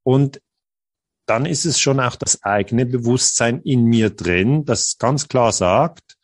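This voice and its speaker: A man from Switzerland, telling personal stories as an interview guest in an earnest way, often pausing to search for words. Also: medium pitch, dry recording, clean studio sound. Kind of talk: reflective personal storytelling.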